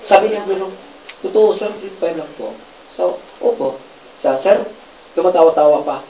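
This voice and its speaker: Heard from across a roomy event hall over heavy crowd noise, a Filipino man with a high voice shares a motivational success story at a moderate pace, and the far-off recording sounds lo-fi. He's lively and laughing, throws questions to the audience, who shout back, and performs the dialogue he quotes.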